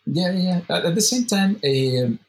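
In a casual interview, a meetup organizer answers questions thoughtfully, searching for his phrasing and often repeating words. His voice sits high and sounds expressive and unhurried. The recording is rough.

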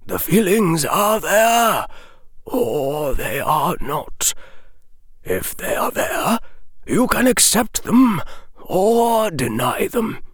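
A man voicing a gentle, sorrowful old male wizard, speaking slowly and solemnly, often sinking into a whisper. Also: on the high side, breathy edge, dry recording, clean studio sound, pitched above the performer's own voice, heavily acted. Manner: slow, soft, partly whispered, solemn. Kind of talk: audiobook character reading.

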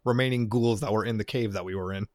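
A man co-hosting a podcast as a player, talking in a rambling, halting way. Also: lowish voice, no room sound, studio quality. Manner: rambling, halting, searches for words. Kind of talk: casual podcast chat.

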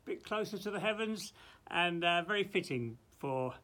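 A man preaching informally in a loft, teaching from the Bible in a halting, exclamatory way and repeating himself as he goes. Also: high voice, expressive, bright, forceful tone.

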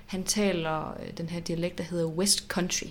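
A woman co-hosting a podcast in casual chat, animated and reflective, often repeating words as she thinks. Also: fairly low pitch, slight background noise. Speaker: podcast co-host.

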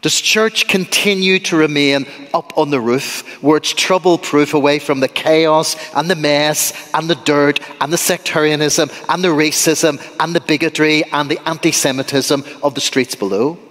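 A middle-aged man from Ireland with an Irish accent, preaching a sermon in a church with lively, humorous asides to the congregation. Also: a little high, moderate pace, hardly any pauses. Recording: long church reverb.

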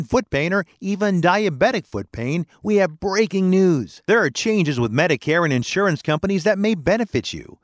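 A man's voice: high voice, dry recording, studio quality. A man reading a scripted radio promo as an urgent, emphatic announcer.

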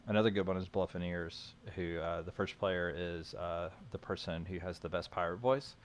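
A man's voice: low-pitched, steady tone, normal speed, a little hiss or hum. A middle-aged man hosting a casual board game podcast, chatty and full of fillers. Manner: chatty, lots of likes and fillers. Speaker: podcast host.

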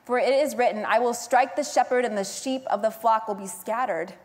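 A woman preacher voicing a solemn male teacher with grave, measured words in a sermon. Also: fairly high pitch, natural voice. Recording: long hall reverb.

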